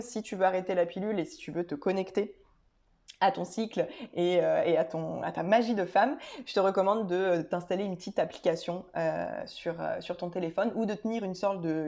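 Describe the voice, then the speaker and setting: A woman's voice: fairly low pitch, a little mellow. A woman talking casually to her viewers in a video, explaining things directly, with many hesitations and restarts. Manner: addresses viewers directly and informally. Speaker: vlogger.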